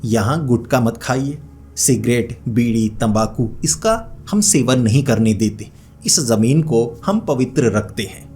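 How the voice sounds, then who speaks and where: Guy doing a sweet polite boy in a spooky story, soft-spoken, keeps saying ji. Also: medium pitch, animated, a little slow, a little hiss or hum. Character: polite village boy, gentle and pleading.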